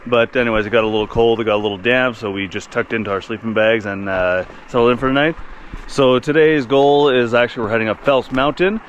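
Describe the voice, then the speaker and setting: A man's voice: mid-range voice, fast, lo-fi sound. A man hosts an outdoor adventure vlog in a casual, chatty way. He speaks to the camera out in the open, with faint noise in the recording. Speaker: host of a hiking vlog. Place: outdoors in winter mountains.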